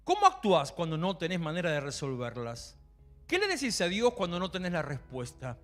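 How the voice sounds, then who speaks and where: A middle-aged man with a Rioplatense Spanish accent preaching a lively sermon, swinging between loud exclamations and quiet asides. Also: high-pitched, normal speed, soft background music. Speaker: pastor.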